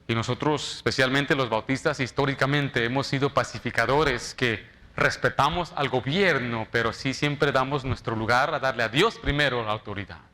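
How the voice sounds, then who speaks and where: A man preaching a sermon in church as pastor, shifting from loud dramatic quotes to soft, quiet appeals. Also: mid-range voice, moderate pace.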